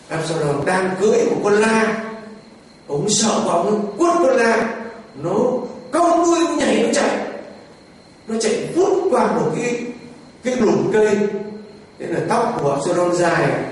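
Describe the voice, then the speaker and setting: High-voiced priest in a booming church. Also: male voice. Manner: dramatic storytelling, acting out Bible scenes. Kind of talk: sermon. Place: large church. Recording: echoey church hall, distant mic, faint ambience.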